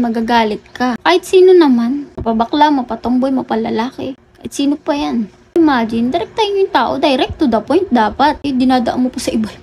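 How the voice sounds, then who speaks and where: A woman's voice: high voice, darkish tone. A woman vlogger giving a blunt, lecturing casual rant to the camera, swearing casually as she talks.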